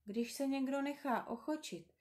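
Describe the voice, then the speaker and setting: A woman reading a children's story aloud, gentle, slow and tender. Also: sits high.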